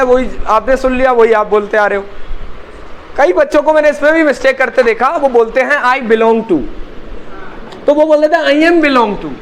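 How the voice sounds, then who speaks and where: Very high-voiced Indian teacher drilling phrases. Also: male voice, a bit bright, a little hiss or hum, low-quality recording. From Indore, India. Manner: emphatic, slows down to drill phrases, prompts students to repeat. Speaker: spoken English teacher. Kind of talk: classroom language lesson. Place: classroom with students.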